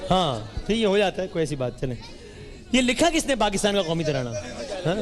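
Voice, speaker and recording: A man hosting a live studio quiz, teasing and bantering quickly with the audience. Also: high voice, sing-song. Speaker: game show host. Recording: roomy hall with music and crowd.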